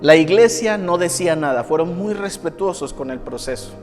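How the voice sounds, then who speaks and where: A pastor with a high voice delivers a sermon, repeating phrases for emphasis as he tells a personal testimony. His voice rings with the long reverb of a church hall, and soft music plays faintly underneath. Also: animated, moderate pace. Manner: emphatic, repeats phrases for effect, acts out quoted people.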